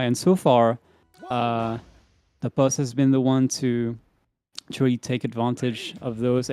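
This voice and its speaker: A young man giving live commentary on a fighting game tournament, reacting quickly and laughing often. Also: medium pitch, a little mellow, smooth. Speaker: esports commentator.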